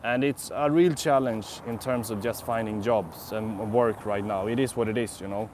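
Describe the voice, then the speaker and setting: Streaming live from a city park, a young Swedish vlogger speaks in a fairly low voice at a moderate pace, with a Swedish accent. He rambles and reflects casually while answering viewers' comments, against a noisy background.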